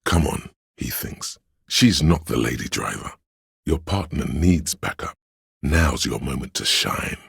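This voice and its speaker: A man playing a grave, all-knowing inner voice of police camaraderie in a video game, narrating in a solemn, measured, literary way with a gravelly, husky tone. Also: extremely low pitch, animated, no room sound, clean studio sound, full character voice. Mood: brooding, measured.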